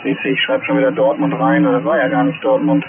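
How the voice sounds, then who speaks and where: A man chatting over CB radio, firing off quick, teasing questions. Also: mid-range voice, flat delivery. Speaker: CB radio operator. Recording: tinny CB radio, static noise.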